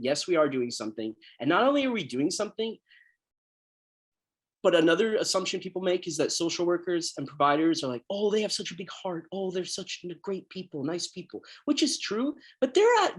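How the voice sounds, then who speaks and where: A man, a filmmaker, talking casually in an online panel, blunt and passionate, often repeating words as he goes. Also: a little high.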